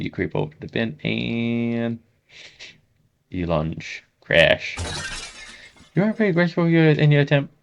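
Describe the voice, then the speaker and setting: Gravelly low-voiced man reading game text. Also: highs cut off. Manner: voices the sound effects aloud while reading. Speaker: gaming YouTuber.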